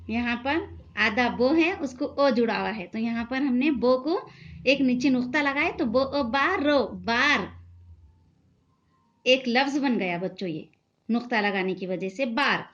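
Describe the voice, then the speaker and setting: A woman teacher giving a lesson to children, speaking patiently and sounding out letters one by one. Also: a little high. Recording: dull lo-fi sound.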